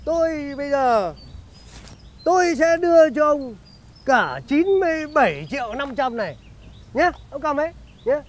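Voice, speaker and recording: A smug male swindler, very high voice, lively swoops. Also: measured pace, long pauses, exaggerated voice. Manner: bossy, ends phrases with a teasing "nhá". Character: crafty, bossy male schemer who hogs money. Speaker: comic actor. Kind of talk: comedy sketch acting.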